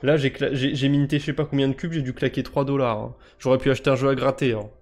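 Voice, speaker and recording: In a mid-range, darkish voice with a steady tone, a French-accented man talks fast during a live stream. He casually comments on crypto quests, joking and poking fun at himself as he thinks aloud.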